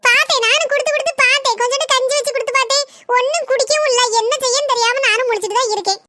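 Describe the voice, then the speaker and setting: Cartoon village wife, sharp-tongued, southern dialect, piercingly high and quick as a woman voices her. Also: a little hiss or hum. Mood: retorting. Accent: southern Tamil Nadu village dialect. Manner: sarcastic, nagging. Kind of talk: cartoon voice acting.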